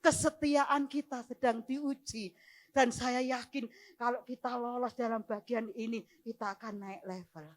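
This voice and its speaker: A middle-aged Javanese woman minister tells a testimony from the pulpit. Her voice sits high, and she moves between laughter and tears as she speaks. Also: fairly even intonation, measured pace. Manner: emotional, laughing and near tears as she retells. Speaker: church minister. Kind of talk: testimony sermon.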